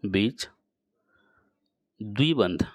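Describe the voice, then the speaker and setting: Man, chemistry teacher, slow deliberate lecture, repeats key phrases, dry close sound. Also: lowish voice, animated, no echo. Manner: slow, repetitive teacher's explanation, addresses students directly. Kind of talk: classroom lecture.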